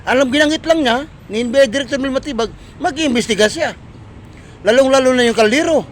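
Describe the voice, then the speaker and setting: A Filipino man delivers a ranting political commentary in an unusually high voice. He hammers listeners with repeated, accusing rhetorical questions. Faint traffic noise sits behind him. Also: quick pace.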